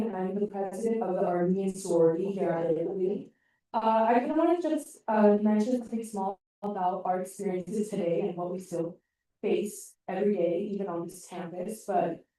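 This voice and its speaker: A woman's voice: mid-range voice, dark tone. Firm young woman reading a statement. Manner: earnest, firm, prepared. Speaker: sorority president. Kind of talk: prepared public comment. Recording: echoey hall, mic from a distance.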